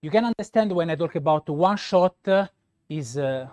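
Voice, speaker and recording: A man's voice: on the high side, expressive, normal speed, darkish tone. A male pastry chef from Rome with a Roman Italian accent and Italian as his native language gives a live demonstration, searching for words and repeating points for emphasis. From Rome, Italy.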